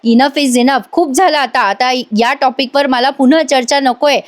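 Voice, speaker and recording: A woman's voice: high voice, measured pace. A woman reading out the lines of an angry young husband who firmly defends his wife. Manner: firm, exasperated.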